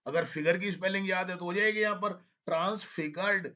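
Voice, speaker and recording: A man's voice: high-pitched, steady tone, quick pace, bright, forceful tone. A man teaching an English spelling dictation to a class. He spells words out letter by letter and teases the students a little. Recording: dull lo-fi classroom recording.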